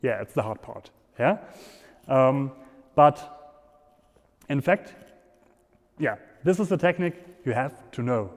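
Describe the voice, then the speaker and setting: Slow-paced German-accented man in an echoing hall. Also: mid-range voice, expressive. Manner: halting non-native phrasing. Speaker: fencing instructor. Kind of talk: instructional demonstration, explaining step by step. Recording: echoey hall with long reverb.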